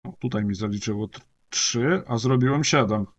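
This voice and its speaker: A man's voice: mid-range voice, normal speed. A middle-aged man streaming a retro game, grumbling and muttering to himself in casual commentary. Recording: dull lo-fi stream mic.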